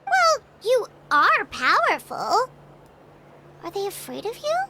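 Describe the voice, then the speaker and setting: A woman voicing a tiny, cheerful female companion creature in a video game, with a squeaky, childlike voice. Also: huge pitch swings, slow, very noisy, full character voice.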